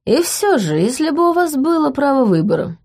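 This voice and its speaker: A woman's voice: high voice, sing-song, normal speed, darkish tone, voice pushed up. A woman voicing a drunk, arrogant young crown prince with a mocking, slurred drawl.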